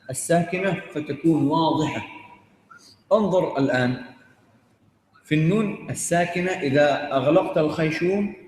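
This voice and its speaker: A man teaching Quran recitation, sounding out letters one by one and quizzing his students as he explains. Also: on the high side. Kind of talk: tajweed lesson to students. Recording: very echoey hall, faint noise.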